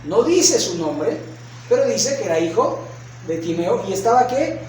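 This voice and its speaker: A male pastor with a Mexican Spanish accent preaching a sermon, asking rhetorical questions and acting out shouts. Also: high-pitched, big pitch swings, measured pace, slight background noise. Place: church sanctuary. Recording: echoey church hall from far off.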